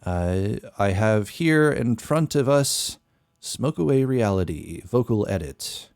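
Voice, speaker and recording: A young male music producer streams from his small bedroom studio, his very deep voice picked up dry and close by a boom-arm studio mic while he wears headphones. He rambles casually and slowly, thinking aloud with plenty of fillers, his intonation lively and his tone a little mellow.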